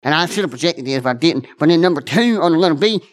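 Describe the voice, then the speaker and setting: With a slightly high voice and lively intonation, an earnest pastor gives his church a conversational sermon. He repeats and restarts phrases as he circles back, rattling off quick asides and then slowing for weighty lines.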